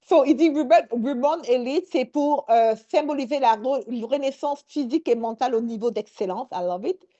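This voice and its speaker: Energetic woman teaching online. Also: high voice, moderate pace, dull audio. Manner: energetic, mixes English words into French. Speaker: online workshop host. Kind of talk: live online workshop teaching.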